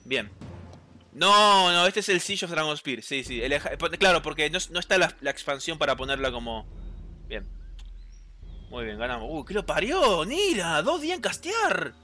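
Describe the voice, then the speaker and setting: A man with a Rioplatense Spanish accent giving chatty, excitable gameplay commentary, reading game lines aloud and answering chat. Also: a little high, normal speed. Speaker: gameplay streamer.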